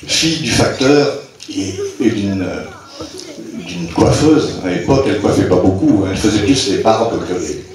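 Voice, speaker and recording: This older man from Brittany, France, has a fairly low, darkish voice and a moderate pace. He is the president of a rural club, addressing a local festival crowd in a community hall, and his casual speech is full of hesitations, restarts and laughs at his own jokes. The sound is echoey, with his voice distant.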